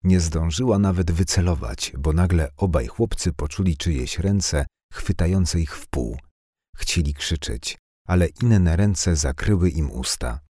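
Very deep-voiced male audiobook narrator. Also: animated, measured pace, dark tone, breathy edge, no room sound, clean studio sound. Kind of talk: scripted narration.

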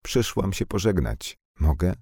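Chatty and blunt, this young village woman rattles on in slangy, impulsive bursts, put on by a man. Her voice is lifted above the reader's very deep, dark tone. Dry, close storybook recording. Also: big pitch swings, a little slow, breathy edge, no echo, exaggerated voice.

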